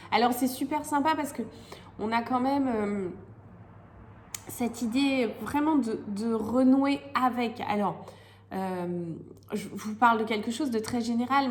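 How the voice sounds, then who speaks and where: A woman with a slightly cracked voice from a head cold, chatting casually and searching for words as she reads tarot cards. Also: on the high side. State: has a lingering head cold. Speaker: tarot reader hosting monthly horoscope videos. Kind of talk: casual chatty card-reading commentary. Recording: clearly noisy recording with clicks.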